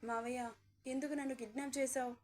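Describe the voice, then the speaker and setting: This is a storybook reading where a frightened young child bride pleads tearfully with her captor, as a woman puts her on. The voice sits a little high, the way a woman narrator would keep it while reading. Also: steady tone, fast talker, a little mellow. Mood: frightened pleading.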